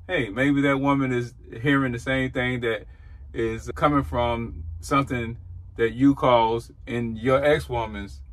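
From behind the dashboard camera in his cab, a trucker in his forties rambles earnestly in casual reflection. He speaks a little slowly with a medium-pitched, slightly bright voice and fairly even intonation.

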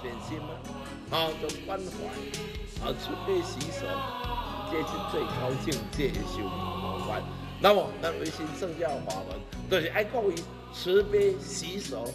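Very animated and a little slow, his high voice fills an echoey temple hall over a bed of music. The speaker, a middle-aged Buddhist master with a Taiwanese accent, gives an emphatic sermon to a seated congregation. Rhetorical questions and repeated phrases run through it.

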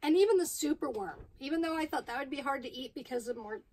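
A woman's voice: high-pitched, expressive, fast talker, darkish tone. A woman hosting a casual vlog, chatty and playful, laughing often as she talks. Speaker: host of a tarantula keeper channel.

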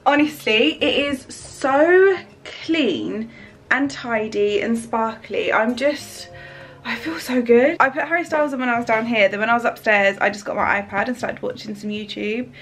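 A chatty young lifestyle vlogger talks casually to camera, upbeat and full of "like" and "um". Her voice is a little high and fairly bright, at a normal speed, with soft music in the background. She films indoors in a bright home kitchen and bedroom, holding her phone at arm's length.

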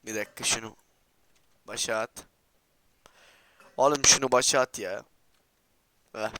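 A man giving excitable gameplay commentary as a channel host, trash-talking and swearing, repeating words in rapid bursts. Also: medium pitch.

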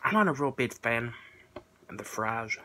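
A man's voice: mid-range voice, lively intonation, moderate pace, background noise. A man reviewing food in a casual vlog, talking while chewing, plainspoken and rambling with fillers.

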